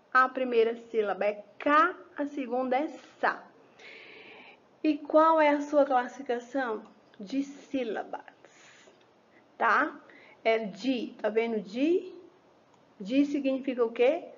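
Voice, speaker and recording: A woman teacher with a fairly high voice talks very slowly and patiently, as if to small children. She asks a question and then answers it herself. The recording sounds a little muffled and lo-fi. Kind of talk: children's lesson explanation.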